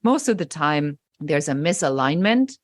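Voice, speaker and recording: A woman's voice: low voice, very animated, moderate pace, no echo. A woman guest on a podcast, speaking emphatically and acting out the remarks she quotes. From Germany. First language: German. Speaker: podcast guest, business coach. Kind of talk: interview conversation.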